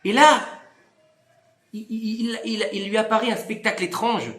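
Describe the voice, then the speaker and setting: Rabbi telling a story, acts out all the voices, bright tense voice. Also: male voice, normal speed, echoey room. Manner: animated, acts out dialogue with big pitch swings. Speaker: rabbi teaching a Torah class. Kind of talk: lively storytelling Torah lesson.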